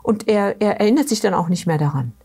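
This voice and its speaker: In an interview, a middle-aged woman who practices therapy lays out her ideas through anecdotes and poses questions to the listener, in a conversational storytelling style. Her mid-range voice is animated, quick, mellow and a bit rough.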